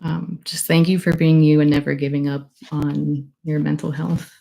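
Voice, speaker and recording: A woman's voice: low voice, level tone, normal speed, gravelly, dark tone, low-quality recording. A young woman talking casually on a livestream at her book launch, emotional and gushing, rambling with many fillers. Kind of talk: casual livestream thank-yous.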